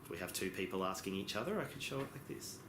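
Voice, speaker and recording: A low male voice delivers a simultaneous interpretation of a lesson, with lively swings in pitch. He explains phrase by phrase, pausing between them and sometimes correcting himself. The room is noticeably echoey. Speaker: interpreter giving voice-over for a sign language lesson. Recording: echoey room with background noise.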